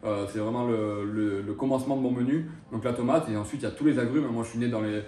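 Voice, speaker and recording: In an interview, a chef in his thirties from France speaks in a mellow, mid-range voice at a quick pace. He is hesitant throughout, with lots of fillers and restarts. The audio has a roomy echo from a microphone placed at a distance.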